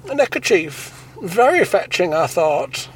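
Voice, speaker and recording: A man voicing a prim, fussy, gushing man with a fluty high voice. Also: sing-song, measured pace, slight background noise, rough recording.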